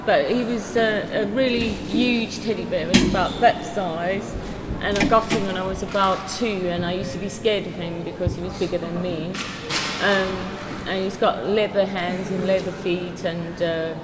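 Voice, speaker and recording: A woman in her forties, chatting in a group reminiscence session, pausing often with ums. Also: medium pitch, steady tone. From South Africa. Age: 40s. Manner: hesitant, many ums and pauses. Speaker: day centre participant. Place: day centre room. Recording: echoey hall with loud background noise.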